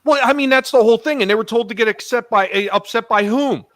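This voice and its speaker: A man's voice: very high-pitched, fast talker, a bit bright, no echo. A man in casual group chat, ranting in a combative, profane way. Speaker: podcast panelist.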